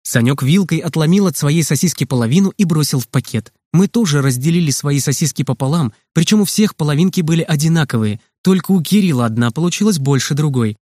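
A man narrating a children's storybook in a lively reading voice, lifting his pitch for the children's lines. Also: fast, hardly any pauses, no room sound, studio quality. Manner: lively, plays each child's line with raised pitch. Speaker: audiobook narrator.

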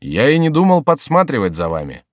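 A man's voice: mid-range voice, wildly swooping pitch, fairly quick, no echo, clean studio sound, voice pushed up. A man voicing a frightened male monk who answers evasively and pleads under threat. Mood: pleading.

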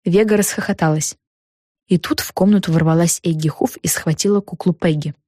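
A woman reading a children's book aloud with lively, expressive storytelling. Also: fairly low pitch, brisk, no room sound, clean studio sound. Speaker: audiobook narrator. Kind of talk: scripted narration.

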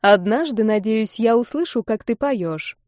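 A woman's voice: a little high, expressive, a little slow, no echo, clean studio sound. A woman voicing a famous woman singer who speaks kindly and encouragingly in an audiobook. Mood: gracious. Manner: warm, encouraging.

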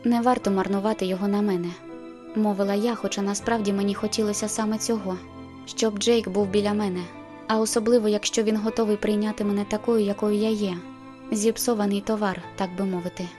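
A woman narrating a novel in the first person, in a measured, intimate storytelling manner. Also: mid-range voice, flat delivery, dark tone, faint music behind. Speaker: audiobook narrator.

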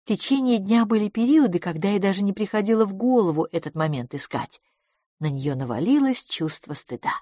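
A woman narrating an audiobook in a measured, expressive reading style. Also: medium pitch, no room sound, studio quality. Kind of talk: scripted narration.

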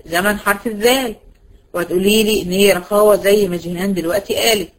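Here a Quran recitation teacher with an Egyptian accent moves briskly through a tajweed lesson, quizzing students, answering for them, and slowing to elongate example words. She has a mid-range voice and fairly even intonation, on a rough recording.

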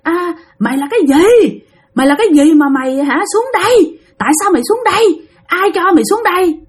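A woman's voice: big pitch swings, a little slow, a bit bright, full character voice. A woman voicing a furious middle-aged female ghost who scolds shrilly. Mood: furious shrieking. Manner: shrill scolding, hurls repeated demands.

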